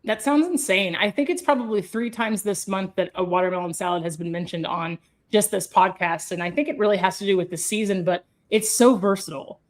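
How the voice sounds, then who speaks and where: A woman, a chef, hosting a food podcast and chatting with her guest in a lively, enthusiastic way. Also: medium pitch, brisk. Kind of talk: casual interview chat.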